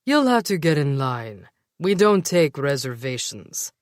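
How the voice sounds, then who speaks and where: A woman's voice: low-pitched, big pitch swings, measured pace, no echo, clean studio sound. A woman voicing an aloof male elf bouncer who speaks with a sophisticated lisp. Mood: disdainful.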